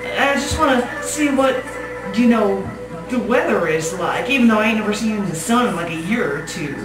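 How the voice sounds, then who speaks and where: A female stage reader with a mid-range, animated, lightly acted voice performs a live dramatic monologue as a confined, unhinged Southern woman inmate who acts crazy and is defensive and paranoid. The delivery is wistful, rambling, halting, colloquial, and repetitive. It's recorded roomy and distant on a small gallery cabaret stage, echoey with music underneath.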